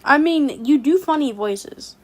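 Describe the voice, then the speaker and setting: A woman's voice: high-pitched, lively intonation, unhurried. A woman co-streamer chatting casually, teasing her friend and laughing often.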